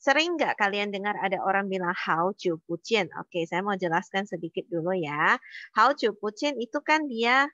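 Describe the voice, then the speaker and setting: Lady teacher walking through vocab slowly, bright voice, dry kinda dull mic. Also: medium pitch, animated, no room sound. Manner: patient, explains step by step with many fillers. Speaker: Mandarin teacher. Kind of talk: online language lesson.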